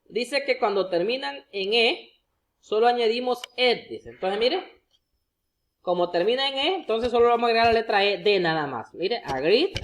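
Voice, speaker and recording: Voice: mid-range voice, lively intonation, normal speed. A Spanish-speaking teacher explaining English verb endings step by step, repeating every example word and often addressing the viewer directly. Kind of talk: explaining grammar rules to students.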